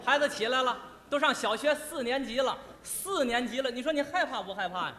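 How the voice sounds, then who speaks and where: A male crosstalk comedian tells his tale in an animated, blustering way, stumbling over his words and laughing often. His voice is unusually high and bright for a man. It carries the long echo of a stage hall. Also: a little fast, slight background noise. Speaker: lead comedian in a crosstalk duo. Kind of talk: comic crosstalk storytelling on stage.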